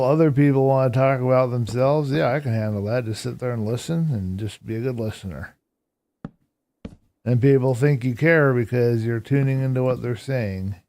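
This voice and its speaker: While gaming on a live stream, a man with a hoarse, mid-range voice talks casually with his viewers. He responds to chat out loud, sounding relaxed and reflective.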